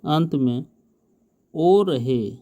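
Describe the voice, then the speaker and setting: Patient male tutor, unhurried spelled-out grammar lesson, soft mellow tone. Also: fairly high pitch, expressive. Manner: patient, spells letters slowly and asks the class questions. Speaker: teacher.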